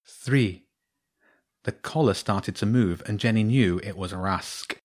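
A man narrating a children's storybook in a steady, clear reading voice. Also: lowish voice, normal speed.

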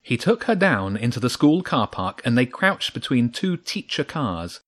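A man narrating a children's storybook in a steady, measured read. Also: mid-range voice.

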